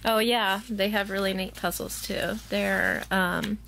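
Bright chatty mom filming herself in the kitchen, thinking out loud, bit of background hiss. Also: female voice, medium pitch, fairly even intonation, unhurried, gravelly. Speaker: family vlogger. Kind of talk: casual vlog chat. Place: home kitchen. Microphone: handheld camera at arm's length.

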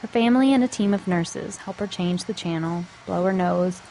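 A woman reporter reading a scripted television news narration in a measured storytelling way. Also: on the low side, dark tone, a little hiss or hum.

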